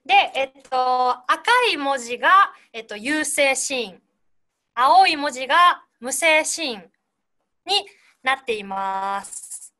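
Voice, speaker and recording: Bright high-voiced woman teacher. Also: expressive, slow pace. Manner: gentle, explanatory, demonstrates sounds. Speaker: singing teacher. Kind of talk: online voice class instruction. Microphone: video call.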